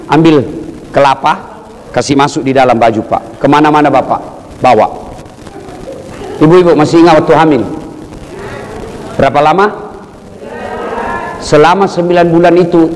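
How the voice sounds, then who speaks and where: Male preacher, middle-aged, animated humorous sermon, fairly high voice, long hall reverb. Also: normal speed, long pauses, slight background noise. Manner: animated storytelling, jumps to high pitch in jokes. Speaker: Islamic preacher. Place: large hall with live audience. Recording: echoey hall with faint ambience.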